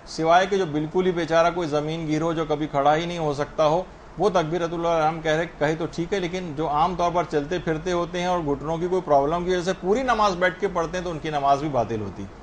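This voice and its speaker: A man with a voice on the high side, with a little hiss or hum in the audio, gives a religious lesson on prayer rulings. As a religious teacher, he explains step by step, answers questions he raises himself, and spells out correct pronunciation slowly.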